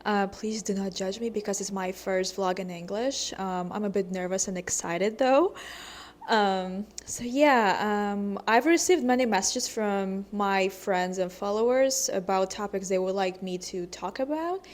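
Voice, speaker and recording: A woman's voice: medium pitch, measured pace. A young woman from Russia, a vlogger chatting casually to camera, hesitant and full of ums.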